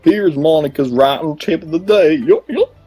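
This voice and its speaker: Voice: medium pitch, normal speed, mellow, husky, faint music behind, close to an everyday voice. A player reading aloud the lines of a cheerful teenage girl club president from a visual novel. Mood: musing.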